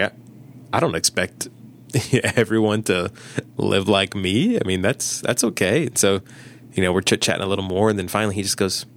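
On a relaxed podcast, a pastor with a fairly low pitch animatedly shares stories, performing the lines of the people he quotes. Some slight background noise is present.

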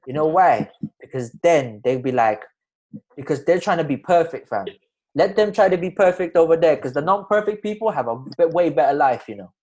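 A man's voice: a little high, lively intonation, fairly quick, darkish tone, rough recording. A young man with a London roadman accent, talking emphatically in slang in a casual group discussion. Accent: London, urban roadman slang. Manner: slangy, emphatic, tags phrases with address terms.

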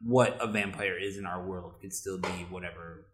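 Low-ish guy rambling on a podcast, lots of uh and like, echoey room. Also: steady tone, normal speed, fairly bright tone. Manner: rambling, hesitant, many restarts and fillers. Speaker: podcast co-host. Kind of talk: casual chat.

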